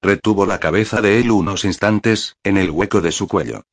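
A man narrating a novel as an audiobook, reading in a calm, measured way on a close mic. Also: deep voice. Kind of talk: scripted narration.

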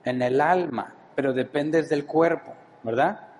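A man's voice: fairly high pitch, unhurried, a little mellow, poor audio. Man preaching with rhetorical questions. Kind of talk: sermon-style teaching.

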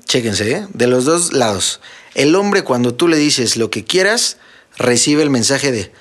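A man's voice: mid-range voice, sing-song, a little slow, fairly bright tone. A young man with a Mexican Spanish accent hosting a casual solo podcast, telling funny stories and talking straight to his listeners. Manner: joking, storytelling, addresses listeners as friends. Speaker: podcast host and DJ.

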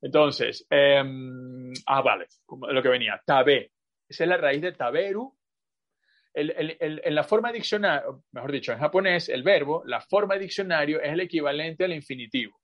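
A man's voice: fairly high pitch, highs cut off. A man teaching a language class over a video call, explaining patiently with examples, asides and many fillers. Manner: drawn-out, repetitive phrasing with many fillers.

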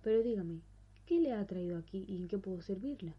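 Lady doing a scared young nobleman, begging and rushed, breathy, kinda muffled audio. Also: medium pitch, expressive. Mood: alarmed. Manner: urgent, pleading. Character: frightened young nobleman shaken by a ghost. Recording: dull recording with faint music.

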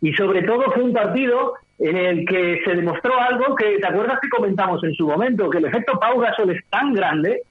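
A man's voice: high-pitched, lively intonation, a little fast, few pauses. A man, a basketball commentator heard over a telephone line, analysing a game in long, fluent runs with rhetorical questions. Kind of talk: sports analysis over the phone on radio. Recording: tinny phone line.

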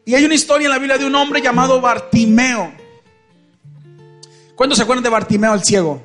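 A man's voice: extremely high pitch, fairly quick, a bit bright, soft background music. A man with a Mexican accent telling a Bible story at a church concert, asking the crowd questions and acting out voices. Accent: Mexican Spanish. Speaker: worship band singer preaching between songs.

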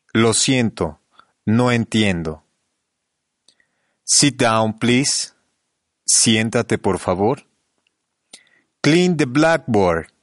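A man reading classroom phrases in pairs for a language lesson, each said slowly and deliberately. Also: medium pitch, dry recording, clean studio sound. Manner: slow, deliberate, evenly paced delivery. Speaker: language teacher. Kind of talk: reading bilingual phrase drills.

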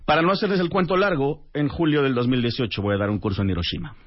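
A man, a radio guest telling a lively anecdote and acting out the dialogue. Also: medium pitch, quick pace, husky. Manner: animated storyteller acting out dialogue. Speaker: radio guest, author and translator. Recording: dull lo-fi radio audio.

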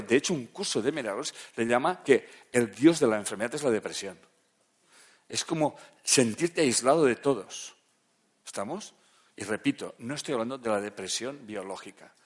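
Man lecturing, soft to loud swings. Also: slightly rough. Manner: conversational, checks in with the audience; swings from soft and low to loud emphatic bursts. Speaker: therapist giving a lecture. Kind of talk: lecture to a live audience.

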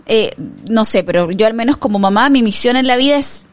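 A woman's voice: on the high side, a little fast. A woman in her thirties with a Chilean accent, co-hosting a podcast, telling stories about her son in a chatty, hesitant way. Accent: Chilean Spanish. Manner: storytelling, hesitant with fillers, mixes in English exclamations. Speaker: podcast co-host. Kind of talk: casual chat about a film.

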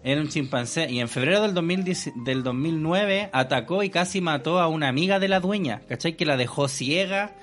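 A man's voice: fairly high pitch, fairly quick, hardly any pauses, fairly bright tone, faint music behind. A young Chilean man co-hosting a podcast, chatting casually in crude slang and laughing often. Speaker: podcast co-host. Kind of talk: casual chat.

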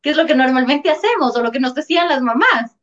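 A woman's voice: high voice, lively intonation, fairly quick, fairly bright tone. A woman, a talk-show guest earnestly explaining, often checking in with rhetorical questions. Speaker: guest speaker on emotions and trauma. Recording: dull lo-fi sound.

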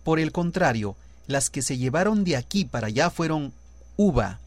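A man's voice: on the high side, lively intonation, normal speed, no echo. A man reading numbered writing tips from a script and going through long lists one item at a time. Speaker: writer giving writing tips.

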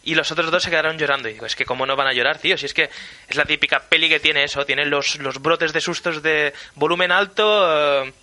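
A man tells jokey, animated stories on a casual film podcast. His voice is slightly high with a very bright, sharp edge. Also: fairly quick. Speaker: podcast co-host. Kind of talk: casual film-review chat.

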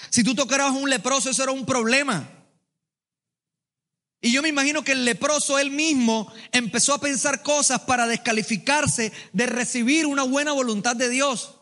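A man preaching a sermon to a congregation, lively and colloquial, with joking asides, calling on the listeners to answer back. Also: extremely high pitch. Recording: long hall reverb.

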